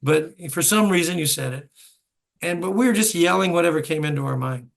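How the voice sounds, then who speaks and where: A man's voice: fairly high pitch, fairly quick, vocal fry. A man in his seventies hosting an interview, telling stories with chuckling asides. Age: 70s. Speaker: host and bandleader. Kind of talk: reminiscing interview chat.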